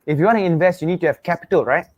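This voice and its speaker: A young Singaporean man with a Singaporean English accent hosts an online motivational webinar pitch, talking energetically, repeating himself and asking viewers to type replies. His voice is on the high side and very fast.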